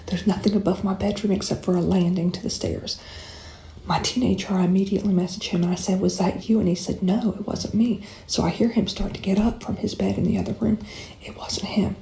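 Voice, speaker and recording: A woman with a drawl speaks in a hushed, urgent whisper, circling back over the same points as she tells her story. Her voice sits in the middle of the range and rings in a roomy, echoey room at home. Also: mid-range voice, fairly even intonation, quick pace, creaky. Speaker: mother recounting a strange event. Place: indoors at home. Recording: roomy echo.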